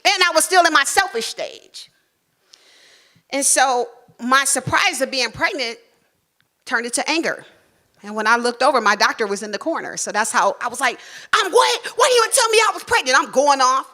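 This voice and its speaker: Bright, animated woman storyteller in her forties. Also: moderate pace. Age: 40s. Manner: animated, acts out quoted voices with big pitch jumps. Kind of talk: live personal storytelling.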